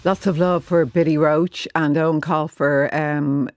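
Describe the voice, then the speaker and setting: Higher-pitched Irish man hosting radio. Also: steady tone, a little slow, dry recording, faint music behind. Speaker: radio host, interviewer. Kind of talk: conversational radio presenting. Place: radio studio.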